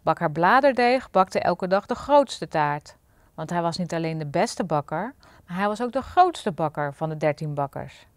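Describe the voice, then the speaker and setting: A woman's voice: on the low side, moderate pace, no room sound. Woman reading a fairy tale aloud. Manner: clear, lively storybook narration. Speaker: storyteller.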